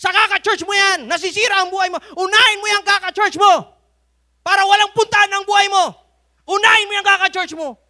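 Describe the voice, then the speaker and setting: A man's voice: very high voice, expressive, normal speed, voice pushed up. A preacher acting out a furious father. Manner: shouting, berating. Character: angry middle-aged father scolding his son.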